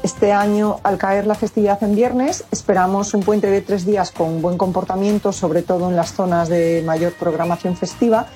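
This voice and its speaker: A woman speaking for the restaurant trade in a calm, informative soundbite. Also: medium pitch, moderate pace, few pauses, soft background music. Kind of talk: interview soundbite.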